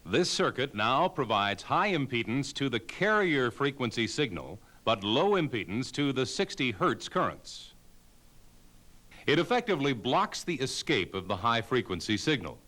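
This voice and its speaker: A man narrating a scripted technical lesson as an instructor, in a measured, explanatory way with emphasis on key terms. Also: medium pitch, sing-song, bright, forceful tone.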